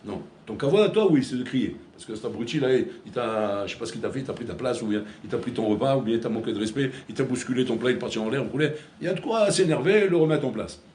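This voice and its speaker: A man's voice: medium pitch, expressive, fast, hardly any pauses, a little mellow. A man giving a Torah class as a rabbi, talking in a conversational way, repeating words and mixing in Hebrew terms. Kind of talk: sermon. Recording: echoey room with faint ambient noise.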